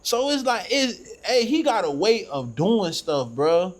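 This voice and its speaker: Host, male, high voice, preachy and emphatic, casual faith talk. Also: lively intonation, a little slow. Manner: preachy, emphatic, repeats phrases. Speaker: podcast host.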